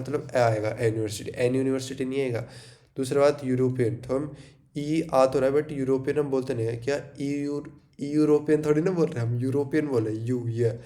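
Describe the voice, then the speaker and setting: Young indian guy doing an exam prep lecture, mid pitch, warm mellow tone, asks himself questions then answers. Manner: checks in with frequent "theek hai", asks and answers own questions. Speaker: teacher. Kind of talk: Hindi-English exam lecture.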